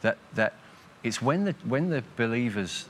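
A man hosting a reflective church panel discussion, earnest and animated, sometimes acting out imagined thoughts. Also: medium pitch, moderate pace, slight background noise.

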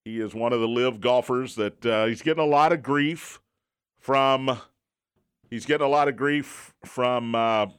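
This medium-pitched man sounds unhurried, with a fairly bright, clean tone. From a studio, he hosts sports talk radio, reading live sponsor promos and chatting in an emphatic announcer style, tossing in joking, self-deprecating asides.

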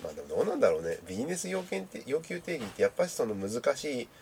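A man's voice: medium pitch, big pitch swings, rapid-fire, vocal fry, crowd noise. A man hosting a reading group, talking casually and reading aloud, his voice nasal and stuffy from a cold. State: has a cold. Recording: faint background noise.

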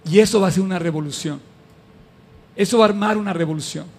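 Gravelly high-voiced preacher. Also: male voice, fast, big-room sound. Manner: animated and conversational, addresses the audience with questions. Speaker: pastor. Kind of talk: lively sermon to a live congregation.

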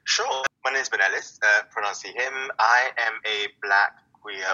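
Brief: male poet guest from Italy, bright raspy tone, reflective and halting, lo-fi call sound. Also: fairly low pitch. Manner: reflective, halting, many restarts and fillers. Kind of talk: casual interview talk.

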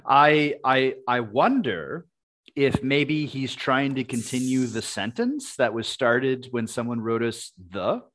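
A man co-hosting a podcast in casual chat, reading listener emails in a dry, deadpan way and tripping over words. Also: medium pitch, takes it slowly.

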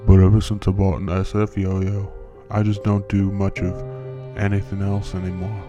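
A man voicing a glum yo-yo addict in a spoof commercial, speaking in a deadpan way over music. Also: sits low, moderate pace, lo-fi sound, voice pushed down, close to an everyday voice. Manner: deadpan, monotone.

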